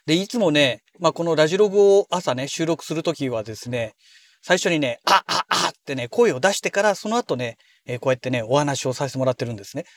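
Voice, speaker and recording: A man hosting a daily audio log from inside a car, talking in a polite, chatty way with many soft fillers. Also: on the high side, expressive, fast, no echo. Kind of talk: casual solo talk.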